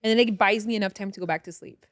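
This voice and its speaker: A woman talking casually on a podcast, animated and quick to laugh as she tells stories. Her voice sits at an ordinary pitch for a woman. It is recorded close on a dry mic. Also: no echo. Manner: animated, laughing, swearing freely. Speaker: podcast co-host. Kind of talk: casual chat.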